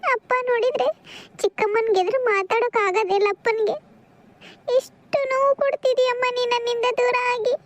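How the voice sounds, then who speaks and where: A woman's voice: very high voice, fairly even intonation, fairly quick. A woman voicing a sorrowful cartoon girl. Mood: sad. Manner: sorrowful, soft-spoken. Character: grieving gentle young village girl. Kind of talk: cartoon voice acting.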